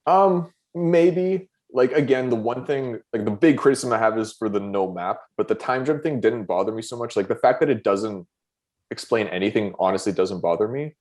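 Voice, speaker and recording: A man's voice: mid-range voice, normal speed, darkish tone. A man co-hosting a podcast, talking eagerly in casual chat with many fillers and acted-out reactions. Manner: enthusiastic, filler-heavy, acts out reactions. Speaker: podcast co-host.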